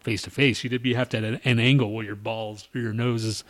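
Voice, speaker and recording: A man co-hosting a podcast in casual chat, giving quick, short, playful answers. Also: fairly low pitch, fairly even intonation, fairly bright tone, dry recording. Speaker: podcast co-host.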